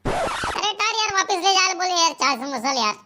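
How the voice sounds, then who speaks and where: A voice actor playing a fussy, hungry village man in a cartoon comedy, complaining loudly in a Chhattisgarhi accent. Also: very high voice, sing-song, moderate pace, noisy background. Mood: fed up. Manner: loud complaining, stubborn.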